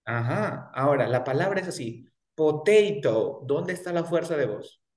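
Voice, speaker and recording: A young man teaching English pronunciation in a one-on-one lesson, patiently drilling words slowly and repeating them. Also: a little high, lively intonation.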